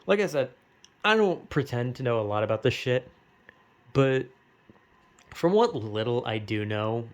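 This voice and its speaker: A young American man with a medium-pitched voice rambles off the cuff, his pitch swinging widely as he talks at an unhurried pace with frequent pauses. His slangy, heavily profane speech sounds like casual opinion commentary among friends.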